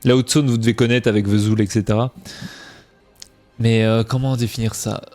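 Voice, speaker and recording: A man's voice: fairly low pitch, steady tone, brisk, a little mellow, soft background music. A young man from Franche-Comté with a faint Franc-Comtois French accent, chatting casually with his stream chat and mocking himself. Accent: slight Franc-Comtois French.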